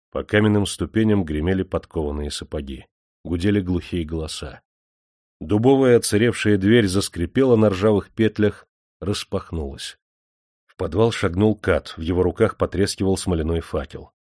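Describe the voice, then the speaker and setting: A man narrating a story in a measured, grave storytelling voice. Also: deep voice, darkish tone, no echo, clean studio sound. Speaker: audiobook narrator.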